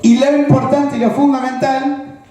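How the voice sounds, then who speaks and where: Echoey, high-pitched Argentine man lecturing. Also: level tone, moderate pace, warm tone, faint music behind. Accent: Rioplatense Argentine. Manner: explanatory, asks the audience rhetorical check-in questions. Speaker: political speaker. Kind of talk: political analysis speech. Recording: very echoey, roomy recording.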